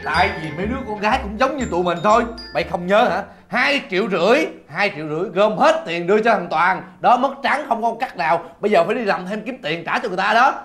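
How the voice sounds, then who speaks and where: The level-headed friend in a TV drama. He speaks in a somewhat high voice and walks the others through his plan patiently. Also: expressive, fast, hardly any pauses, fairly bright tone, soft background music. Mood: earnest. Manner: explains plans patiently. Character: level-headed young man, the sensible friend. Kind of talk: TV drama acting.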